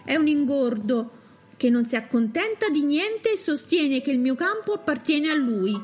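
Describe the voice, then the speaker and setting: Woman voicing a fretful rustic neighbor, high and lively pleading, storybook role, faint music behind. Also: moderate pace. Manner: pleading, anxious. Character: neighbor, a worried country man pleading for help. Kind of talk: audiobook character voice.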